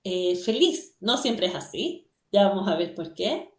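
A woman's voice: medium pitch, sing-song, a little slow, echoey room. A woman giving a reflective radio talk on a religious teaching, telling an everyday story and asking rhetorical questions. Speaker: guest speaker, religious teacher.

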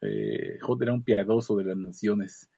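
A man gives a casual religious reflection to a study group, halting with many fillers and restarts. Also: lowish voice, very animated, creaky, mellow, breathy edge, no echo, muffled recording. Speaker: study group member giving a comment.

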